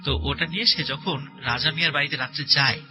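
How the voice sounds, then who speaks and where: A guest with a fairly high voice tells a horror story to a host in conversation. His retelling is halting, repetitive and suspenseful, full of filler words. Prominent background music plays under his voice.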